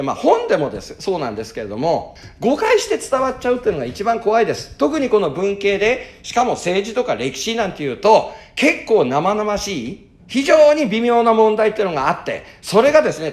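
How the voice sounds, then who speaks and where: Lively fast-talking man teaching. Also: sits high. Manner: chatty storytelling, acts out quotes. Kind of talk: casual lecture to camera. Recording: roomy echo.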